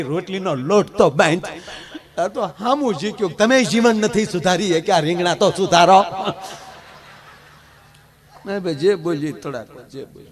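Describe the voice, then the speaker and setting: Brief: man playing a gloomy henpecked husband, high voice, mournful and self-pitying. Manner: mournful, self-pitying storytelling with dry jokes. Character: henpecked middle-aged husband, glum and complaining. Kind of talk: folk comedy storytelling on stage.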